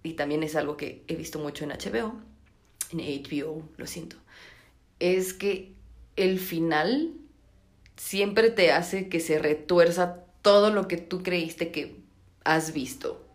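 A woman's voice: lowish voice, takes it slowly. A young woman with a Mexican accent who has just woken up, chatting animatedly and using lots of slang on her podcast. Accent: Mexican Spanish. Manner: animated, slangy, gasps and exclaims. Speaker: podcast host. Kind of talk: casual chat, series review.

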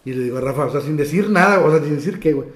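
A man's voice: on the high side, expressive, racing. Slangy northern mexican guy, echoey room. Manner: slangy, drops "güey" constantly, trails off quietly. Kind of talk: casual storytelling chat.

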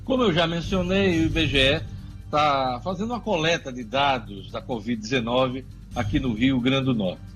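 A man's voice: medium pitch, normal speed, fairly bright tone, faint music behind. A man hosts radio news, reading items live and adding informal comments.

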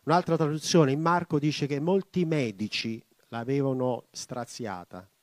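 A man's voice: mid-range voice, unhurried, a little mellow, dry recording. A male pastor reading scripture aloud and commenting on it, then leading a prayer that grows more and more intense. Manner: reads scripture then prays with rising intensity.

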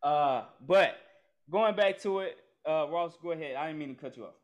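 A man hosting a casual sports chat, excitable and announcing segments like a lightning round. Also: fairly high pitch, moderate pace. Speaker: host.

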